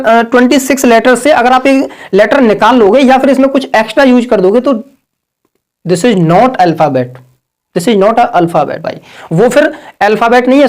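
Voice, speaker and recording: A man teaching an online grammar lesson. He repeats every point, drills the same lines, and keeps calling his listeners "sir" and "brother". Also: extremely high pitch. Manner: over-pronounces the words he is correcting.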